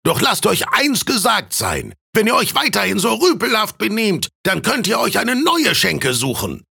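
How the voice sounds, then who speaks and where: A man voicing a gruff innkeeper who bellows at rowdy guests, pitched well above his own voice. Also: huge pitch swings, moderate pace, sharp tone, dry recording, clean studio sound, heavily acted. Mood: scolding.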